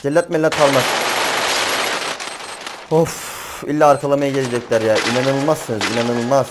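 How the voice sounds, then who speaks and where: A man's voice: medium pitch, steady tone, moderate pace. A young man commenting on his gameplay as a gaming channel host, chatty, slangy and often exasperated. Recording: game gunfire noise underneath. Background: gunfire and game sounds.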